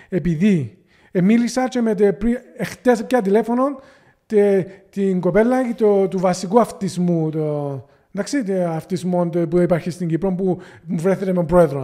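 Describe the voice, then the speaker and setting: A man's voice: sits high, warm tone. A man with a Cypriot Greek accent, speaking as a podcast guest in an earnest, impassioned way. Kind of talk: casual podcast conversation.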